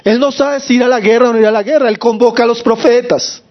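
A man's voice: extremely high pitch, fairly even intonation, quick pace, highs cut off. A male pastor preaching a sermon with a sore throat, asking the congregation questions and calling them brothers.

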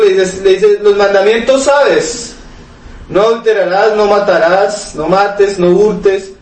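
A man's voice: sits high, darkish tone. A man preaching a sermon, asking rhetorical questions and reading scripture aloud to his listeners. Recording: echoey room, mic at a distance, faint noise.

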